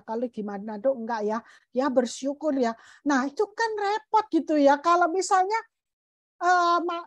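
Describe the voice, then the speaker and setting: A middle-aged woman leads a parenting seminar in a high voice that swings widely in pitch. She talks casually and expressively, turning often to her listeners. The sound is dry and close, with little room echo. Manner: expressive, addresses the audience directly. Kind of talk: informal talk to parents.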